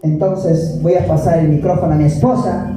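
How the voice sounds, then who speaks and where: A man's voice: on the high side, steady tone, normal speed, dark tone, a little hiss or hum. A man with a Peruvian accent preaching fervently and calling out to his congregation. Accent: Peruvian Spanish. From Peru. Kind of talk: sermon. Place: church hall. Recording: echoey church from far off with music.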